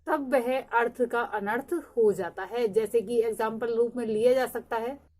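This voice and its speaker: A young adult woman teaching a lecture. She explains at a steady pace, pausing on "uh" fillers. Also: a little high. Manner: explanatory, with frequent "uh" fillers and slow stresses. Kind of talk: recorded lecture.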